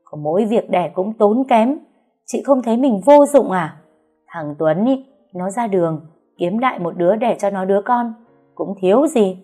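A woman's voice: medium pitch, lively intonation, moderate pace, dark tone, faint music behind, lightly acted. A woman voicing a harsh older mother-in-law who scolds with contempt, reading a storybook tale. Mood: scornful.

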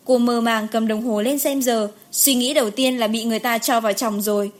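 Woman reading a novel out loud, steady storyteller, a bit high. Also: brisk. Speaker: audiobook narrator. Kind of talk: scripted narration.

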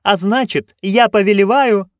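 Guy putting on a high bossy duchess voice, snappy and cold, dry close mic. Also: measured pace, no room sound. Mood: imperious. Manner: commanding, sharp. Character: haughty shrill noblewoman, imperious and scheming. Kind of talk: audiobook character voice.

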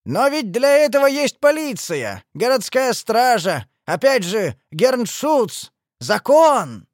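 A man's voice: wildly swooping pitch, a little slow, breathy edge, no echo, clean studio sound, exaggerated voice. A man voicing a fussy, owlish old bald man who shrilly protests from a window in a storybook reading. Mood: indignant. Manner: shrill and pleading.

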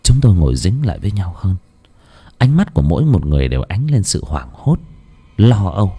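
A man narrating an audio ghost story in a dramatic, lively telling. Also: low-pitched, brisk, husky.

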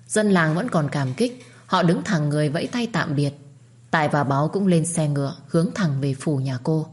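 A woman narrating a story in a calm, steady reading voice. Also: deep voice, moderate pace.

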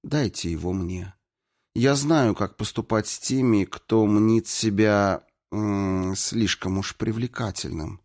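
A man's voice: fairly low pitch, takes it slowly. A man reading a cool, self-assured young woman. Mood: cool calm. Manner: cool, calm, faintly mocking. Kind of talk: audiobook character voice.

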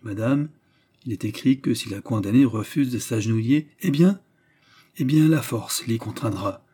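A man reading the part of a stern, formal male court clerk who speaks in a measured, solemn way. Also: mid-range voice, warm tone, breathy edge, natural voice.

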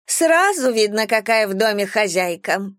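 Woman doing a shrill squealing older neighbor. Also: animated, moderate pace, a bit bright, dry recording, clean studio sound, close to an everyday voice. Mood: contemptuous shrieking. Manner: screeching, accusatory.

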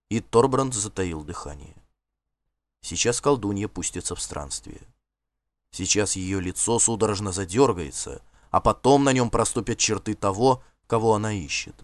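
A man reading a fantasy novel aloud as an audiobook, in a dramatic, expressive way. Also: on the low side, no room sound. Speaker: audiobook reader. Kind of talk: scripted narration.

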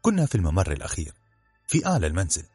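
A man reads a story aloud as narrator, expressive and measured. His voice is low and husky, with lively intonation, over faint background music. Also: no room sound. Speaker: audiobook narrator.

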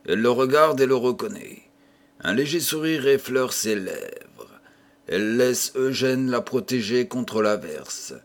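A man narrating a classic story in a steady storytelling reading. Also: medium pitch, a little slow. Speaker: audiobook reader.

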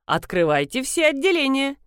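A woman's voice: high-pitched, sing-song, normal speed, dry recording, studio quality, pitched above the performer's own voice. A woman doing a theatrical male show host. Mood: teasing. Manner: mock-enthusiastic, teasing.

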